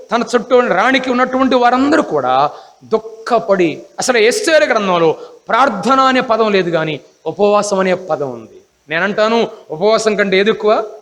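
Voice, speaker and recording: Man, preacher, high voice, emphatic, rhetorical questions, long hall reverb. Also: fairly bright tone. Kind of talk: Bible class sermon.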